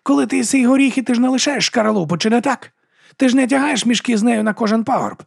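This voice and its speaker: A man's voice: extremely high pitch, fast talker, gravelly, voice pushed up, exaggerated voice. Man doing a crude rambling woman warrior. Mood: cheeky. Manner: blunt, swearing, chatty.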